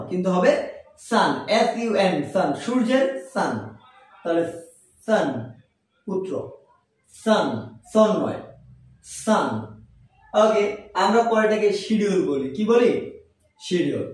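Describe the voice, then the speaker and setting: A man teaching English pronunciation, who asks rhetorical questions and then repeats each correct word slowly. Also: high voice. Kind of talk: pronunciation lesson. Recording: very echoey room, voice far from mic.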